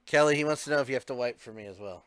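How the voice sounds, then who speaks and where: A man's voice: mid-range voice, very fast, fairly bright tone, smooth, dry recording, studio quality. A man in his thirties hosting a casual podcast, teasing his guest and laughing easily. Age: 30s. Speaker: host.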